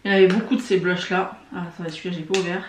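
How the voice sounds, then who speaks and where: A woman chatting casually to her viewers while testing makeup, often pausing on little hesitations. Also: fairly low pitch, level tone, roomy sound, a little hiss or hum. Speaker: beauty vlogger. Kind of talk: casual makeup tutorial chat.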